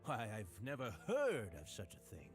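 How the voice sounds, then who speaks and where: Casting: courtly, unsettling game bartender, lively polite lilt, faint music behind. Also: male voice, medium pitch, moderate pace. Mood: genteel. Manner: genteel and polite, oddly eager. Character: suave, courteous male hotel bartender who collects ears. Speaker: game character.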